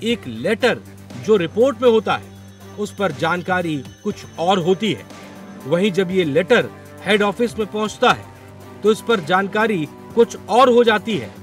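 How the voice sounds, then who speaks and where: A man's voice: high-pitched, animated, measured pace, soft background music. A man reading a scripted news report in a formal, reportorial way.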